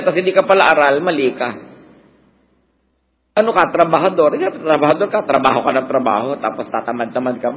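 A man's voice: on the high side, fairly bright tone, rough recording. A man with a Filipino accent preaching a sermon, mixing Tagalog and English and now and then mimicking people who complain.

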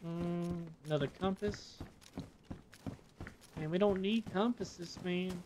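A man's voice: sits high, slow pace, background noise. A man chatting casually while playing a co-op game, joking and swearing with his partner. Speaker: gamer.

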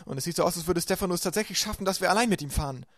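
A man voicing an anxious young teenage girl in an audiobook, with a raised, bright voice. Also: high-pitched, racing, no room sound, clean studio sound, voice pushed up.

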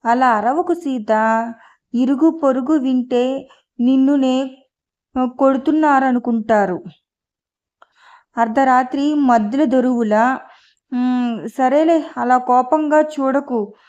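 A woman voicing a relaxed, teasing husband in a storybook reading. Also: high voice, slow pace, long pauses, dull audio. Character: easygoing husband Ramakrishna, teasing and amused.

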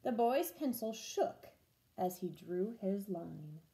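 A young woman reading a picture book aloud to children, deliberate and expressive. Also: mid-range voice. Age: young adult. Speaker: teacher reading a story to children. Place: room at home.

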